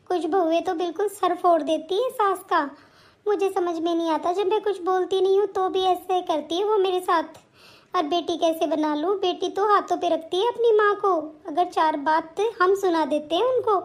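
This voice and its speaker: Woman playing a self-pitying old mother-in-law. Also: extremely high pitch. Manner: complaining, grumbling to herself. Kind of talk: comedy sketch acting.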